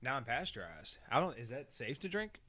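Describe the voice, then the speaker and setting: Man, podcast guest, mid pitch, wry, grumbling, casual. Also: very animated, moderate pace, bright, forceful tone. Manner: dry, wry complaining. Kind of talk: casual chat.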